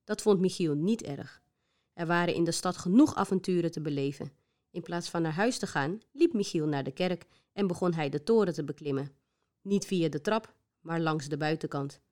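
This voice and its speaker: A woman's voice: on the low side, moderate pace, a little mellow. Woman telling a children's story. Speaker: podcast storyteller.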